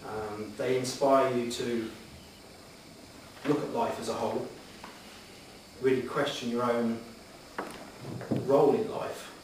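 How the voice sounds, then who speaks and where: A middle-aged man giving earnest, slightly hesitant answers in a formal interview before a room, with measured phrasing. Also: medium pitch, steady tone. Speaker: job applicant answering interview questions. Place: echoey meeting room, addressing the room. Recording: very echoey hall, distant mic, background noise.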